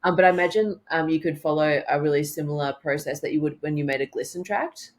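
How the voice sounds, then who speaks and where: Deep-voiced woman guest, a naturopath, loose conversational delivery with frequent fillers. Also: fast talker. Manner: warm, rambling, lots of ums and affirmations. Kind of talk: casual interview chat.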